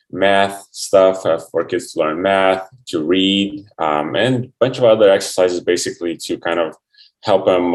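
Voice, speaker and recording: A man from Ukraine, a guest in a casual online interview, relaxed and friendly with many fillers. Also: deep voice. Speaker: guest, QA engineer.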